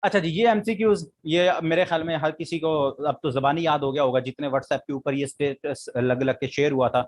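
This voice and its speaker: A man's voice: on the high side, steady tone, a little fast. A man with a Pakistani Urdu accent teaching a current affairs lesson for exam prep. He repeats key facts and quizzes his students as he goes.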